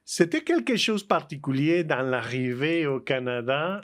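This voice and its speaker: A man's voice: a little high, animated, moderate pace, fairly bright tone. Spanish-accented man, hesitant speech. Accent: Mexican Spanish. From Mexico. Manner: hesitant, many fillers and restarts. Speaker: guest. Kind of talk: casual interview conversation.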